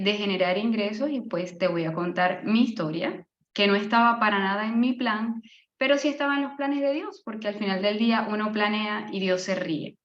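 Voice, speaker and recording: A woman's voice: medium pitch, fairly bright tone, reverberant, dull audio. A Venezuelan woman from Maracaibo in her thirties, sharing a personal faith testimony in an online session, earnest, with fillers and restarts. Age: 30s. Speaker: speaker giving a testimony on a live online session.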